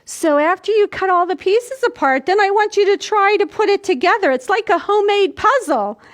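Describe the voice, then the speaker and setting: At normal speed and with a very high-pitched, expressive voice, a sixty-something storytime host at a children's library walks young children through simple steps while showing them how. The small plain room is recorded from a camera a few feet away.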